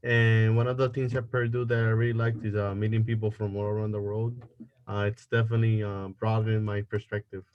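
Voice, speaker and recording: A man's voice: on the low side, monotone, a little fast, dull audio, slight background noise. A young man in his twenties from Puerto Rico, a student, introducing himself matter-of-factly.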